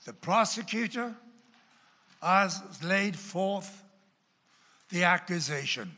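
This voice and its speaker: In a long, reverberant church hall, a Welsh pastor with traces of Texan and Oklahoma in his accent leads a class through sermon-style Bible teaching. His pitch sweeps in a lively way, and he moves dramatically between loud emphasis and hushed asides.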